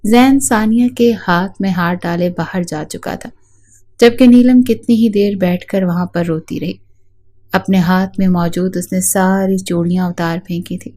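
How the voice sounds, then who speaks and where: A woman narrating a romantic drama story in a steady, dramatic reading. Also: on the low side.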